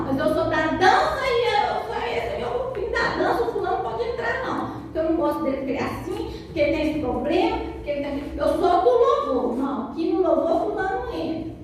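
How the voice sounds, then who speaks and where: A woman pastor with a Brazilian accent preaches to her congregation, animated and playful as she tells her stories. Her voice is very high. It is picked up from a distance in a strongly reverberant church hall. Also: slight background noise. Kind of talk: sermon. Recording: very echoey church hall, from afar.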